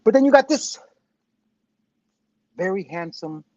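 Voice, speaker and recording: A man in his fifties hosts a laid-back commentary livestream, rambling, profane and poking fun at himself. His voice is high-pitched and darkish, with lively intonation and a measured pace. The sound is dull and tinny from a Bluetooth headset mic, with no room sound.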